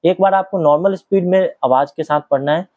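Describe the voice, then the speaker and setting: Speaking as a teacher, a man from Bihar, India reads aloud from an acting book and explains it, shifting from careful reading to casual asides and often saying "ठीक है?". His slightly high voice moves briskly, in a dull, dry lo-fi recording.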